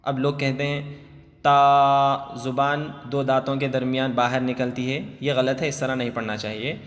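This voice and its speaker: A man teaching children Quran letters with tajweed. He chants each letter slowly and drawn out, then explains it quickly. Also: mid-range voice, level tone. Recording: long reverb, faint music.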